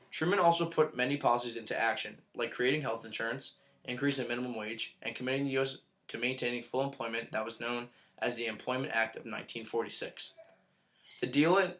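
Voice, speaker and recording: A man narrates from a script in a formal, report-like manner. His pitch sits in the middle and he reads at a brisk, rapid clip. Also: a bit bright. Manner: reading aloud, formal report-like delivery.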